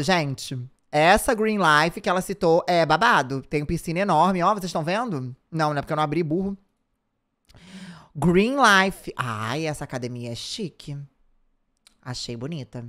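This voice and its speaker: A woman with a Brazilian Portuguese accent hosting a reaction commentary. She speaks in an expressive, exclamatory way. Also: sits low. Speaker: commentary host.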